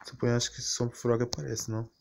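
A gaming YouTuber with a Brazilian accent rambles through casual, off-the-cuff commentary on fan game images and videos, slangy and repeating himself. His voice is gravelly, medium in pitch with little movement, and fast. The phone recording is muffled and noisy, with clicks.

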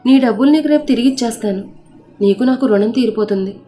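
A woman's voice: fairly high pitch, fast, dark tone, faint music behind, lightly acted. A woman storyteller voicing a frightened but defiant, devout young woman who pleads and prays aloud. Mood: furious.

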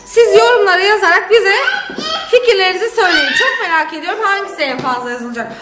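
A woman's voice: very high voice, quick pace. A young mother chatting casually in a family vlog, coaxing and affectionate, laughing often. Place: echoey room at home. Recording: echoey room, noisy home recording.

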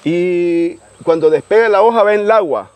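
A middle-aged man with a Salvadoran accent, plainly and haltingly explaining work as a guide, recorded outdoors. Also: high voice. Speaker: guide, indigo farm worker. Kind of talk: informal explanation in an interview. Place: outdoors on a rural hacienda. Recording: outdoor recording with faint background noise.

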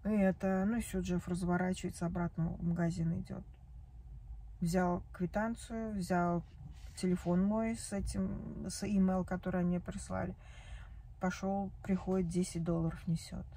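Sitting in her parked car, a vlogger in her forties films an emotional confessional on a phone camera at arm's length, tearful after crying and venting about a bad day. Her voice is low-leaning and warm, with a flat delivery at normal speed. A little background noise is audible.

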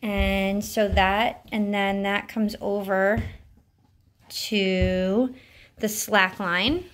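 A woman's voice: medium pitch, steady tone, a bit bright. A woman in her thirties, a parent casually narrating a cheerful tour of something her kids built, filmed at home on a handheld camera. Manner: unhurried, cheerful tour-guide talk. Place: living room at home.

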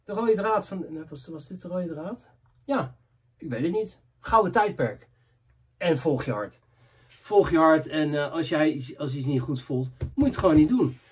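A man's voice: fairly high pitch, expressive, moderate pace, husky. A young man vlogging and answering viewer messages in loose, rambling casual chat, often dropping filler tags.

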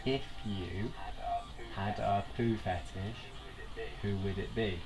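A man's voice: lowish voice, steady tone, slow, music in the background, poor audio. A young man playing a party guessing game, whispering phrases and laughing with friends.

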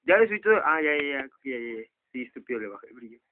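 A young Mexican Spanish-accented gamer host commentates a horror game let's play, swearing without pause and letting out panicked yelps. His medium-pitched voice swings widely in pitch at a quick pace. The tinny, lo-fi phone recording is very noisy.

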